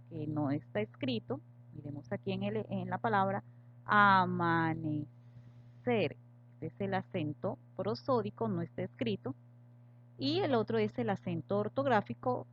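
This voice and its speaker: A woman teacher giving a recorded grammar lesson, patiently spelling out example words slowly and with stress. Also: medium pitch, darkish tone. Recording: slightly dull lo-fi audio with faint hum.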